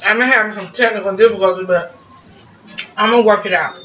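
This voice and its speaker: A woman's voice: mid-range voice, quick pace, a bit bright, faint music behind. A woman, chatting to her viewers while eating at home, humming over each bite. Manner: chatty, talks to viewers as y'all, savoring bites with hums. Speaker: cooking vlogger. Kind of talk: casual cooking vlog chat. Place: home kitchen. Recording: roomy, distant, muffled home recording.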